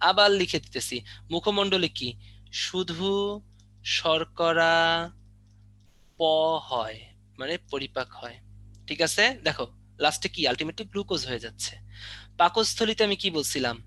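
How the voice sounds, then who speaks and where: A man's voice: on the high side, animated, measured pace, pauses often, bright, forceful tone. A young man teaching a biology exam-prep lesson online, drilling questions and teasing students with mock threats. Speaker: biology tutor.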